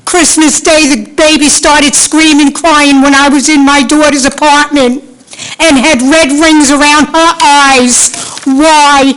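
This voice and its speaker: An indignant woman in her sixties speaks slowly and deliberately at a council meeting's public comment. Her voice sits a little high, and she keeps pressing the same questions again and again, pleading for an answer. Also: steady tone, a bit bright, poor audio. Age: 60s. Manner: indignant, pleading, repeats demands. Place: council chamber.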